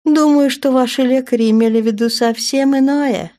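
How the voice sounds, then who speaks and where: Brief: female narrator voicing a sharp, scolding young heroine, brisk and clipped, audiobook. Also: high-pitched, steady tone, voice pushed up, close to an everyday voice. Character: fiery young woman commander, anxious and stern.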